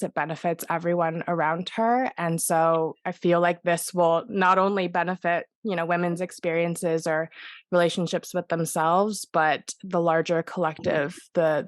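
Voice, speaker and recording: A woman therapist speaking reflectively and in a measured way on a discussion panel. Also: on the low side, no echo, studio quality.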